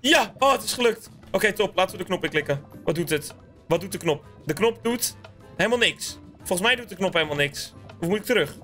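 High-pitched guy doing excited game commentary, chatting to viewers the whole time. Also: fast talker, faint music behind. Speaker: gaming YouTuber. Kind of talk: Minecraft let's-play commentary.

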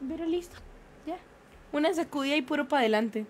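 A young woman, a streamer chatting casually with her viewers and telling a story in an animated, self-mocking way. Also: high-pitched, fairly quick.

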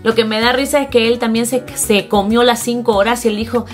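A young woman co-hosting a storytime video, telling the story in a lively way and acting out the quoted voices. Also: a little high, brisk, faint music behind. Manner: animated, acts out quoted voices. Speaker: vlog co-host. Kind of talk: storytime chat.

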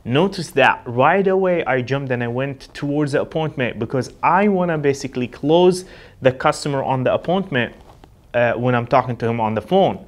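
In an indoor studio with a backdrop, a man delivers an emphatic sales training talk, teaching through acted example dialogues. His medium-pitched voice is animated, at a moderate pace.

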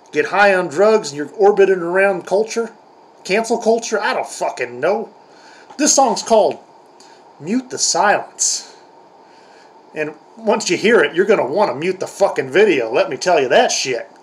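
A man's voice: high voice, low-quality recording. An older man hosting a comedic reaction video, grumbling and mocking in a crude, profane way. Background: heavy metal music playing.

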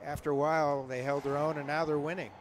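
A man's voice: on the high side, flat delivery, fast, slight background noise. A man giving live sports commentary in a matter-of-fact, informative way, filling in background and spelling out names.

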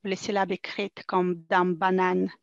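A woman's voice: lowish voice, flat delivery, a little slow, creaky, no room sound. A woman, a participant asking a hesitant question during a webinar. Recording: dry, dull remote audio.

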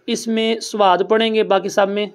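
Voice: mid-range voice, little pitch movement, clean tone. Patient recitation teacher quizzing students. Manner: patient, quizzes students and has them repeat; explains step by step in a plain, conversational way. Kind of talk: classroom lesson with call-and-response.

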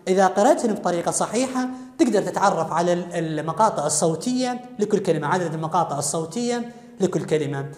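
Fast-talking Iraqi teacher, echoey room. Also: male voice, sits high, expressive, a little mellow. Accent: Iraqi Arabic. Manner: explains step by step, quizzing students aloud. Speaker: English teacher. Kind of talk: recorded video lesson. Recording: echoey room with long reverb.

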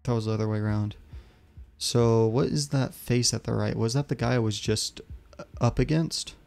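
A man's voice: mid-range voice, normal speed, creaky, darkish tone. A man streaming a video game, thinking aloud and muttering to himself as he plays. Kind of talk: casual gameplay commentary.

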